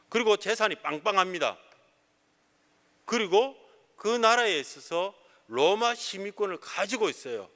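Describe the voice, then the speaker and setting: A man's voice: high voice, fairly bright tone. A middle-aged man preaching a sermon as pastor of a church, asking his listeners rhetorical questions and answering them himself. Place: church sanctuary. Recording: reverberant church hall.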